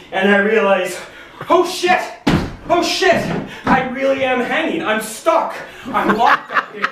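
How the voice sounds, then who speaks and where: Guy with a high voice telling a story live, really echoey room, mic kinda far off. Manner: animated, profane, shouting at peaks. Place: stage at a storytelling concert. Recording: echoey room, distant mic, audible noise.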